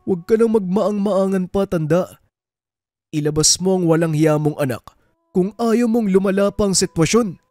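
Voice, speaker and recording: A furious young man hurls accusations and threats, his voice pushed high and loud, as a male narrator plays him. The recording is dry and close-miked. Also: normal speed, no echo, close to an everyday voice. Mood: angry. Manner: forceful, accusing.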